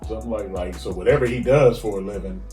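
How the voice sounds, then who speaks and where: Male podcast co-host, animated stammering rant, echoey room with faint music. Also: lowish voice, quick pace, recorded from a distance. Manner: animated ranting with frequent stammered restarts. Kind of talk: casual chat.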